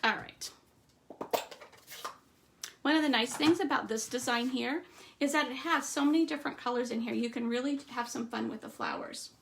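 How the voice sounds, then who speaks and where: A woman giving a live stamping demonstration, chatting through each step and trailing off into quiet asides. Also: high-pitched, normal speed, vocal fry, pauses often, a little hiss or hum. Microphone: streaming setup at a craft table.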